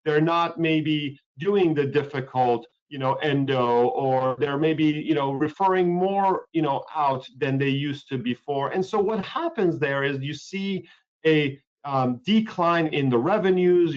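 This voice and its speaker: A man's voice: on the high side, a little slow. Rambling man hosting a webinar. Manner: rambling, repeats words and uses many fillers. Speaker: webinar host, healthcare lawyer. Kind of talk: conversational webinar talk. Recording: dull lo-fi webinar audio.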